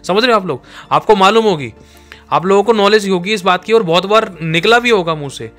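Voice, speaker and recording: Guy preaching a sermon, kinda high voice, keeps repeating himself to drive it home, quiet music behind. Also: brisk. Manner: repetitive, emphatic, addresses listeners directly.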